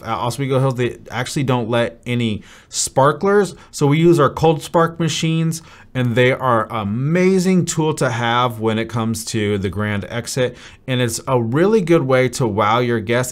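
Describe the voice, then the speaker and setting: A man in his thirties, a wedding DJ, talking through a venue's event plan to camera in an upbeat, practical way. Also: mid-range voice. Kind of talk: venue overview talk to camera. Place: dim studio set with brick wall.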